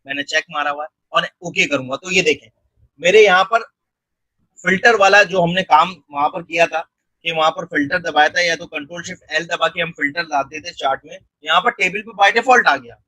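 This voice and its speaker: A man narrating a screen-recorded software tutorial step by step. He keeps checking in with the viewer and mixes English technical terms into his speech. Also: on the high side, fairly quick, no echo, rough recording. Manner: step-by-step, repeating "theek hai" and "ye dekhen" to guide the viewer.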